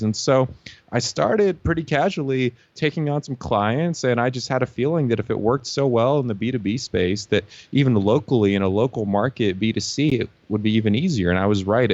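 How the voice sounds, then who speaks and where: A man's voice: mid-range voice, a little mellow, dry recording, lo-fi sound. A young man from Lithuania, a guest telling his story in a casual interview, confident and fluent with frequent "you know.". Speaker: guest, LinkedIn marketing consultant.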